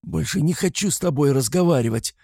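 A man voicing a furious young woman who shouts at her partner in a storybook reading. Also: expressive, brisk, husky, no room sound, studio quality. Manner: shrill, shouting.

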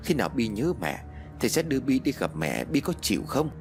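A man voicing a patient older Buddhist master who gently coaxes a ghost child in a spoken ghost story. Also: mid-range voice, very animated, brisk, gravelly, faint music behind. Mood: coaxing. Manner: soft, patient, persuasive.

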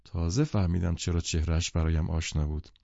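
A man gives scripted audiobook narration in a measured, even way, his voice low and mellow. The recording is dry and slightly dull, with a muffled top end. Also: gravelly, dry recording.

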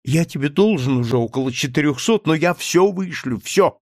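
A man's voice: fairly high pitch, lively intonation, moderate pace, darkish tone, no echo, clean studio sound, pitched above the performer's own voice. A man playing a desperate, pleading young man. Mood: pleading, urgent. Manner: pleading, urgent. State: trembling voice. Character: desperate, agitated young man begging a friend.

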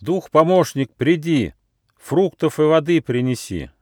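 A man's voice: fairly low pitch, lively intonation, unhurried, darkish tone, no echo, clean studio sound. A man voicing a kind little male gnome who leads his friends in a fairy tale, speaking firmly and reassuringly.

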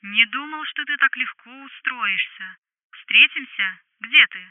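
A woman's voice: sits high, a little slow, no room sound. A woman voicing a menacing male debt collector over a tinny phone line, coaxing and cold. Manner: coaxing, then cold and threatening. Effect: phone filter.

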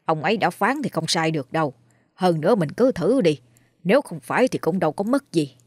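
A woman's voice: fairly low pitch, lively intonation, a little fast, a little mellow, husky, dry recording, clean studio sound. A woman narrator voicing an older village man who talks in a sure, reassuring way. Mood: assured. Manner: assured, reassuring. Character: old village man, confident and persuasive.

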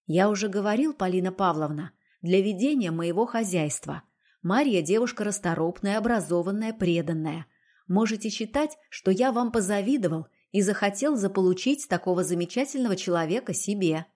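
A woman reading the part of a composed gentleman who speaks softly and coolly. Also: medium pitch, expressive, lightly acted. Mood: cool calm. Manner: soft, cool and measured.

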